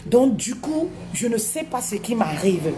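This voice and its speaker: A woman voicing an ashamed middle-aged husband who confesses his troubles hesitantly, in a lowered voice. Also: very animated, measured pace, background noise, full character voice.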